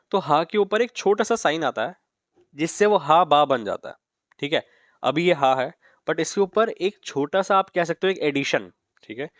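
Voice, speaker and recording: A man's voice: medium pitch, no room sound, clean studio sound. A man teaching a beginners' language lesson in a patient, explanatory way, often checking in with "okay". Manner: patient, repeats "ठीक है" and "okay" often. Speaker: Japanese teacher. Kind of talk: classroom lesson in Hindi mixed with English.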